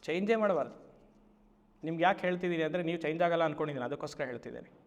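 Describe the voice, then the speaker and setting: A man, a spiritual teacher giving a Vedanta discourse, who stretches key phrases slowly and keeps asking his listeners rhetorical questions. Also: fairly high pitch, in a large hall. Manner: slow, drawn-out emphatic phrases and frequent rhetorical questions.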